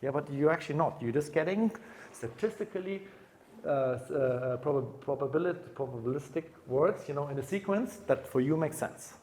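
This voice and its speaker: A man's voice: on the high side, animated, normal speed, a little mellow, a little hiss or hum. A man from Germany giving a conference talk on stage, speaking casually with many fillers and restarts. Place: conference room.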